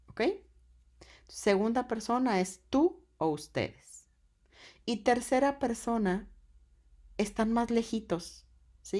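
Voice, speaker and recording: Slow, patient woman teaching grammar. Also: mid-range voice, a little mellow. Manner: patient, checks in with frequent "ok?". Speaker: Spanish teacher. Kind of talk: classroom grammar lesson.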